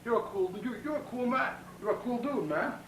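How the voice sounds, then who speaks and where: Speaking a little fast with lively intonation, this Brooklyn man has an extremely high, fairly bright voice. He's a home video maker taping a rambling, foul-mouthed address to a pen pal from his bedroom, full of boasts, threats, stuttering restarts and constant "man." The sound comes from a tripod camcorder on a 1990 tape, distant and roomy with hiss.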